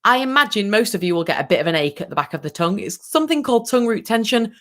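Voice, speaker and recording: A woman vocal coach leading an online workshop, giving direct, lively instructions and demonstrating as she goes. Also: medium pitch, racing.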